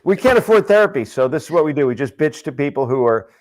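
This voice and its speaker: A middle-aged man co-hosting a comedy podcast with his wife, teasing her in a deadpan, jokey way. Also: a little high, fast, poor audio. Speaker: podcast co-host. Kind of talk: comedic couple banter.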